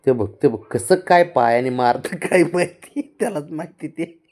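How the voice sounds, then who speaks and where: A man's voice: on the high side, normal speed, a little mellow. A man at home filming his pet cat on a phone, coaxing it playfully with short repeated commands and frequent laughter. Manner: laughs often while talking. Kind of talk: casual talk to a pet. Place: indoors at home.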